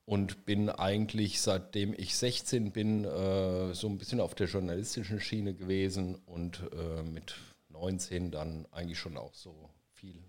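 Give me a man in his forties from Saarland, fairly low voice, calmly answering interview questions. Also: a little slow, hardly any pauses. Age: 40s. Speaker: guest journalist. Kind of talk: casual interview.

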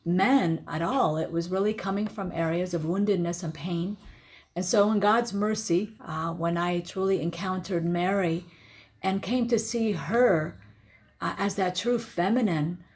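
Woman from Iraq, religious sister, lowish voice, gentle and earnest. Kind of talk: personal testimony in interview. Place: studio.

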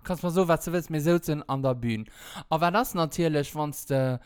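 A man co-hosting a casual podcast, telling a story with lively acted-out quotes. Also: fairly high pitch, moderate pace, clear, resonant tone. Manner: animated storytelling, acts out quotes and sings snippets. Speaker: podcast co-host.

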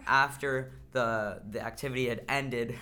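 A hoarse young co-host who has lost their voice, chatting casually in a rambling way with many ums and restarts. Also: mid-range voice, fairly even intonation, a little slow, bright, forceful tone. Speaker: camp podcast co-host. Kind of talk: casual chat.

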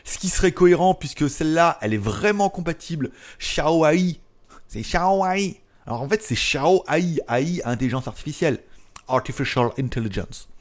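A man in the middle of his range talks through gadget news in a loose, chatty way. He keeps dropping sarcastic asides and filler words as he goes. His voice sits at an ordinary male pitch. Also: darkish tone. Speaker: tech news vlogger. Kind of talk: casual tech news chat. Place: lives in Thailand.

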